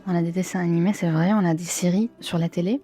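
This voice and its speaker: This interviewee is a twenty-nine-year-old woman from Syria who performs in theatre and works in film. She talks fast in a lowish, dark voice with fairly even intonation, answering casually in a second language with a Syrian Arabic accent and often groping for words. Soft music plays behind her.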